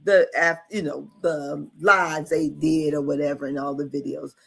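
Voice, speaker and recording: A woman co-hosting a casual recap chat, musing in a halting way and trailing off between thoughts. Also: low voice, fairly even intonation, gravelly, husky. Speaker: co-host of a reality TV recap show.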